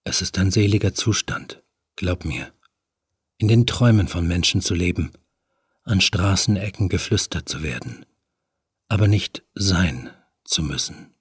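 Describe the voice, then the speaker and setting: A man voicing a seductive, hook-handed male demon whose body swarms with bees, murmuring low and sinking to a hushed whisper. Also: measured pace, long pauses, breathy edge, no room sound, studio quality, full character voice. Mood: menacing seductive.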